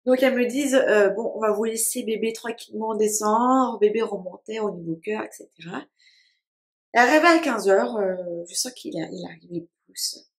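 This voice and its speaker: A woman in her twenties recounting a personal story, speaking haltingly with many fillers and restarts. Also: mid-range voice. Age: 20s. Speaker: vlogger. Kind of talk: casual storytelling to camera.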